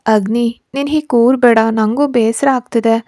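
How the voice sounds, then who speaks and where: A woman's voice: fairly high pitch, steady tone, normal speed, darkish tone, no echo, studio quality, close to an everyday voice. A woman voicing a scheming young woman who coaxes her troubled friend, in a storybook reading. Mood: coaxing. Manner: coaxing, self-satisfied.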